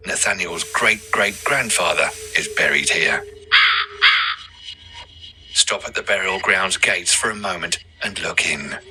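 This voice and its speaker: Bright, theatrical man narrating a spooky ghost tour. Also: fairly low pitch, slight background noise, low-quality recording. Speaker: audio walking tour guide.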